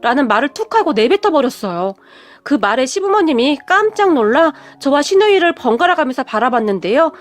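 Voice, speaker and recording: A woman's voice: sits high, big pitch swings, brisk. A woman narrating her own family story in a polite, scripted radio-story style.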